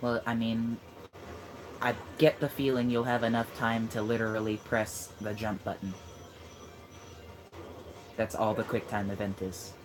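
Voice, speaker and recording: A man's voice: lowish voice, level tone, unhurried, pauses often. A man chatting casually over a video game, teasing and giving tips to the friend playing beside him. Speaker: gamer coaching a friend. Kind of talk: casual let's-play chat. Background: game music.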